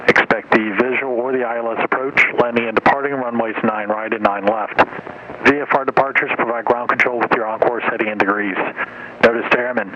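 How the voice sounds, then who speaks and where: A man reading an airport weather and runway bulletin over aircraft radio, reciting numbers and aviation codes in a steady way. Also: mid-range voice. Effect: airport weather information broadcast over aircraft radio. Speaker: recorded airport information announcer. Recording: muffled radio audio with faint hiss.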